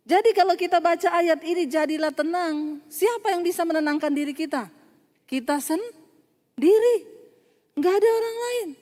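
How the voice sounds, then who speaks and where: A woman's voice: very high-pitched, normal speed, big-room sound. A woman pastor preaching a sermon, telling stories and acting out the people in them. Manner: animated, acts out quoted voices, laughs at own jokes. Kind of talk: sermon with storytelling.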